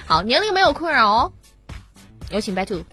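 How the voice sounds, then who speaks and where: A woman in her thirties co-hosting a radio show in casual chat, giggly and lively, laughing often. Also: fairly high pitch, fairly quick. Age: 30s. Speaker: radio host. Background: faint music bed.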